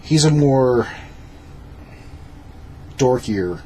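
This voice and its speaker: Brief: male co-host, drunk, mid-pitched voice, casual movie talk, faint room noise. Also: animated, drawn-out words, dark tone. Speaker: film review co-host. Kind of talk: casual review chat.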